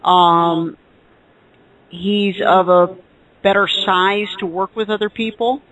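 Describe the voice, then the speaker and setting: A man with a high voice co-hosts a casual chat, firm and opinionated but measured. The sound is dull and lo-fi, with the top end rolled off. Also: steady tone, fairly bright tone. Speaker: podcast co-host. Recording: muffled lo-fi audio.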